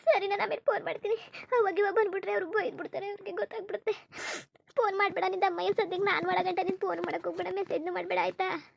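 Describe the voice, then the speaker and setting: A woman voicing Kaveri, a high, anxious village girl. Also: fairly even intonation, racing, gravelly, exaggerated voice. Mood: earnest. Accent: rural Karnataka Kannada. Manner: pleading, worried, speaks of family fears. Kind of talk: cartoon voice acting.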